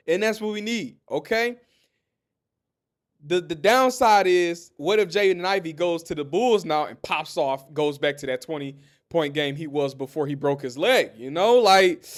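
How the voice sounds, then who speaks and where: A man hosting his own sports podcast, giving casual commentary, talking straight to listeners and telling stories. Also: high-pitched. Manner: animated, talks straight to listeners, tells stories.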